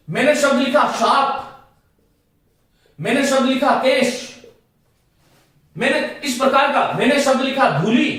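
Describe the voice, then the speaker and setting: High-pitched male teacher, repetitive step-by-step lecture, heavy echo, mic at a distance. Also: fairly bright tone. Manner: repetitive, explaining step by step and addressing students as friends. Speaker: Hindi grammar teacher. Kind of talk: classroom lecture for exam students. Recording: echoey room, voice from a distance.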